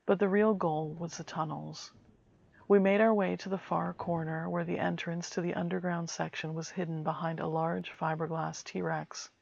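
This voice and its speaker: Low, even-toned woman narrating with quiet dread. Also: normal speed, vocal fry, dry recording, muffled recording. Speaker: horror story narrator. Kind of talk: scripted first-person horror story narration.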